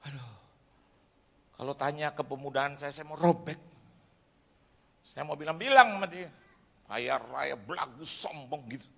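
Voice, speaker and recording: A man in his forties preaching a sermon as a pastor, telling a story dramatically and swinging from quiet to shouted. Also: on the high side, measured pace, creaky, long pauses. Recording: long reverb of a church hall.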